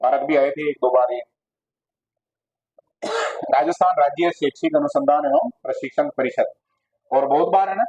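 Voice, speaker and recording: A man's voice: a little high, normal speed, pauses often, a little mellow. A man teaching a classroom lecture, asking his students questions and then answering them himself. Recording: dull lo-fi classroom recording.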